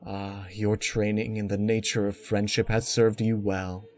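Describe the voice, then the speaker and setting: A man's voice: fairly low pitch, level tone, measured pace, darkish tone. Man voicing Princess Celestia, imperious schemer. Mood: cool approval. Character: regal pony princess, cold scheming villain mentor.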